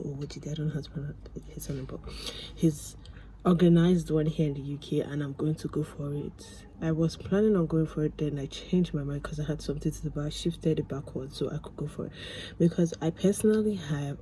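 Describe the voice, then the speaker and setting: Young woman vlogger, rambling and casual, warm dark tone, slight room noise. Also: low voice, steady tone, normal speed, low-quality recording. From Nigeria. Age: young adult. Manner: chatty, rambling, with many fillers. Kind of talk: casual talk to camera.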